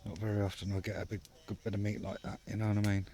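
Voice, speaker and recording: A man's voice: fairly low pitch, level tone, very fast, warm tone, slight background noise. A man vlogging from his hammock at a night camp, chatting casually with lots of fillers and banter. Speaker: bushcraft vlogger. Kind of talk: casual outdoor vlog chat.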